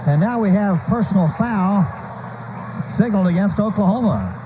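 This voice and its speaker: A live football game is called on radio by an American play-by-play announcer whose voice sits high, with lively intonation and moderate pace. His phrases are clipped, urgent, and staccato, and the broadcast is noisy, dull, and lo-fi.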